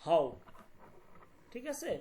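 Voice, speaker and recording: A woman teaching a language class online, explaining words slowly and often asking whether students follow. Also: mellow. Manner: repeats words and checks understanding often.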